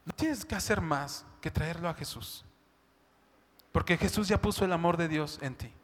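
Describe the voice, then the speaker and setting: Bright-voiced preacher in a hall. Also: male voice, fairly high pitch, moderate pace. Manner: conversational, keeps asking "¿no?" and "¿sabes?". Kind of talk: sermon. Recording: long hall reverb.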